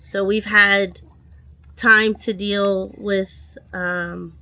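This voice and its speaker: Woman vlogger, bright tense tone, hesitant, frequent "um"s. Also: mid-range voice, level tone, drawn-out words. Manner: hesitant, many "um"s, soft-spoken. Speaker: vlogger, wife. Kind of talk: casual sit-down vlog talk.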